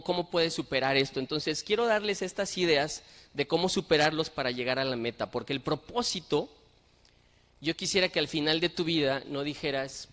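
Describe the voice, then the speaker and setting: A man's voice: on the high side, fairly bright tone. A middle-aged man delivers a sermon in a slightly raised voice. He tells anecdotes and presses his listeners with earnest questions. A long church reverb trails after his words. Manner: storytelling with rhetorical questions, earnest. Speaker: pastor. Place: church hall.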